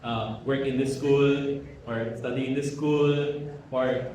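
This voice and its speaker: Speaking slowly in a medium-pitched, steady, slightly mellow voice, a Filipino Hokkien instructor lectures casually at a workshop before a live audience. The large hall echoes with the crowd, there's slight background noise, and he drops in Tagalog fillers while quizzing the room.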